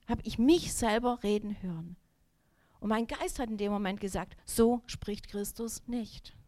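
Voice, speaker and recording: A woman in her thirties giving a personal testimony in a sermon, telling her story in a lively way, acting out her own thoughts and talking straight to the listeners. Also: fairly high pitch. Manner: direct, addresses the listeners.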